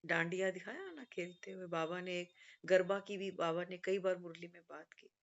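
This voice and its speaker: A woman's voice: on the low side, normal speed. Woman giving a devotional talk. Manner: storytelling, quotes teachings often, conversational asides. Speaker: spiritual speaker. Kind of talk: devotional discourse. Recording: muffled lo-fi recording.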